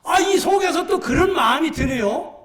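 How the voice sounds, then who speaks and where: A man in his sixties delivers a sermon with a strikingly high, carrying voice. He tells stories animatedly and breaks into shouts and acted-out voices. The sound is roomy and distant, with a church echo and the mic set well back. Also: expressive, moderate pace. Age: 60s. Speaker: pastor.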